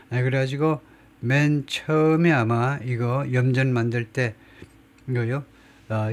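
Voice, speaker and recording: Middle-aged male English teacher, mid pitch, slow deliberate reading of English, chatty explanations with fillers. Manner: reads English slowly, explains in Korean with frequent fillers. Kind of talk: line-by-line news article lesson.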